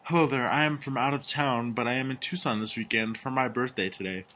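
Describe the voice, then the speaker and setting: A man co-hosting a casual comedy podcast, reading strange news stories and personal ads aloud with crude, deadpan jokes. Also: mid-range voice, a little fast, a little hiss or hum. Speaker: podcast co-host.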